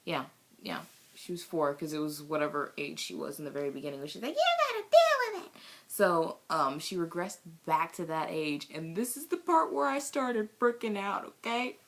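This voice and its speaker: A young woman reviewing a cartoon episode from her bedroom in a rambling, gushing way, full of ums and sudden excited outbursts. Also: low-pitched, normal speed. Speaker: video reviewer. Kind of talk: casual vlog review.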